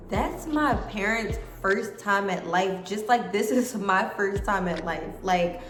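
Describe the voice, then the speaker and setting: Speaking to her audience as "guys," a US woman in her late twenties shares heartfelt life advice in a relaxed, conversational vlog. Her medium-pitched voice echoes off the room around her.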